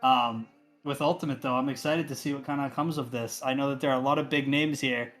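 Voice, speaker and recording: A man's voice: mid-range voice, steady tone, a little fast, fairly bright tone. A man co-hosting an esports draft stream, talking casually and upbeat with lots of fillers. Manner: upbeat, rambling with many fillers. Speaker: draft co-host.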